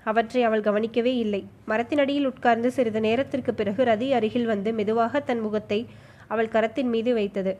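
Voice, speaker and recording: A woman narrates a historical novel with dramatic, emotive delivery. Her voice sits a little high. The reading is steady and expressive. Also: moderate pace, highs cut off. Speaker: audiobook narrator.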